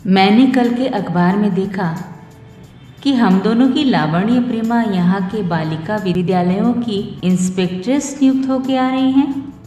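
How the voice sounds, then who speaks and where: A woman voicing a calm, soft-spoken wife whose gentle words carry quiet sarcasm, in a storybook reading. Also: mid-range voice, a little slow, natural voice. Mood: sweetly barbed. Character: calm, cutting married wife, adult woman. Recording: roomy reverb with soft music.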